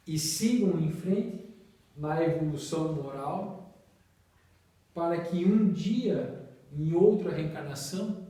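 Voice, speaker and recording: A man with a Brazilian Portuguese accent leading a spiritist study talk, slow and measured, his phrases trailing off softly at the ends. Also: a little high, heavy reverb, recorded from a distance, rough recording.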